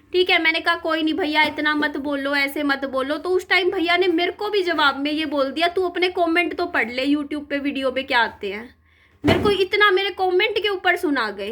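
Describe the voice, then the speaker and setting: Young female vlogger, high sharp voice, indignant storyteller. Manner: animated, indignant retelling with rhetorical questions. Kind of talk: casual storytelling vlog.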